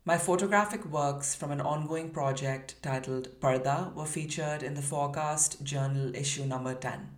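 A woman from Pakistan, an artist and educator, explaining her work in a measured, prepared way. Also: sits low. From Karachi, Pakistan. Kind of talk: prepared statement. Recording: roomy echo.

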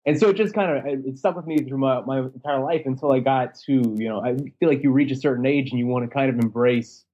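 Easygoing writer guy from the us, husky voice, kinda dull muffled sound. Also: mid-range voice, fast talker, mellow. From United States. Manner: easygoing, laughs often. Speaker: guest, sports writer. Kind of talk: casual podcast chat.

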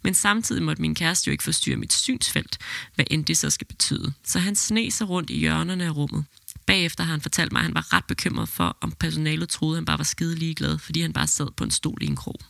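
A woman, a midwife with a podcast, gives a calm, even reading of a birth story and then reflects on it. Her low-pitched voice carries vocal fry in a dry recording.

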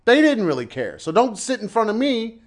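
A man's voice: sits high, very animated, fairly quick. A man who teaches English in China, telling a story in casual chat with a ranting, exasperated manner. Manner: exasperated storytelling rant, repeats himself.

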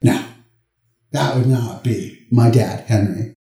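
A man telling stories about his father in an expressive, personal way, with soft music behind him. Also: medium pitch, slow pace, reverberant. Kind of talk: personal storytelling.

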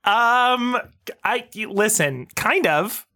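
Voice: medium pitch, animated, extremely slow, bright, forceful tone. A podcast co-host chatting playfully about comics and hosting a jokey segment like an announcer. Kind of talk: casual comic-book chat.

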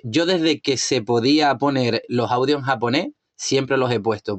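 A man speaks in casual podcast talk, pausing often as he looks for words. His pitch is ordinary for a man. The sound is dry and close. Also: no echo. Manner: hesitant, searching for words.

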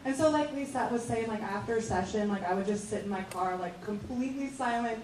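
A woman's voice: mid-range voice, fairly quick, a little mellow, slight background noise. Woman on a con panel, talks loose with lots of likes, far off mic in a big echoey room. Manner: chatty, lots of "like" fillers. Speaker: voice actor panelist. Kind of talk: convention panel chat.

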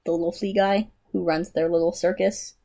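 A young woman co-hosting a casual podcast in a slightly low voice. She is chatty, laughs easily and reads out trivia in an eager, conversational way. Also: fairly even intonation, normal speed, creaky, dark tone. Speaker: podcast co-host. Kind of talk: casual chat.

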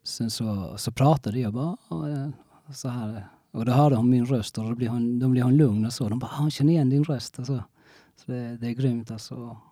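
Gravelly-voiced man in casual interview. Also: mid-range voice, steady tone, mellow, no room sound, studio quality. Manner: halting, frequent restarts, many fillers.

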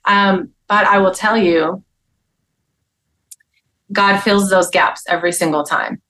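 A woman's voice: medium pitch, steady tone, slow pace, pushed and bright, low-quality recording. A woman guest, a speaker and author, talking earnestly about her faith in a casual interview, with frequent restarts.

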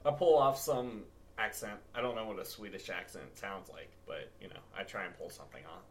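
A man's voice: on the low side, fairly quick, a little hiss or hum. A man co-hosting a podcast in casual chat, telling joking stories and laughing often. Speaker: podcast co-host.

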